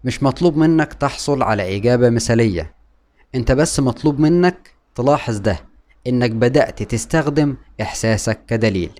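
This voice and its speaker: Talking fairly quickly at a medium pitch, an Egyptian Arabic-accented mental health educator gives a calm explanation to camera. He returns to key points again and again and asks and answers his own questions.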